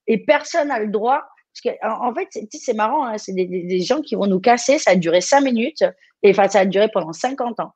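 A woman's voice: mid-range voice, expressive, a little fast, a little mellow, husky, no echo. French woman coaching, direct and encouraging. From France. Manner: direct, encouraging, many restarts. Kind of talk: live coaching session.

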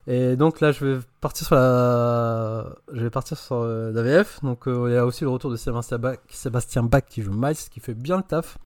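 A man reviewing a film on a podcast, enthusiastic and opinionated, often pausing on fillers. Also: medium pitch, darkish tone, no echo, clean studio sound. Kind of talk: casual podcast chat.

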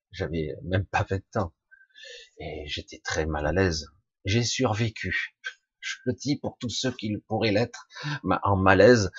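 A man's voice: low-pitched, slightly rough, dry recording, dull audio. A man in his fifties musing casually to the camera in a reflective personal monologue, with swearing and filler sounds. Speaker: speaker addressing viewers on camera.

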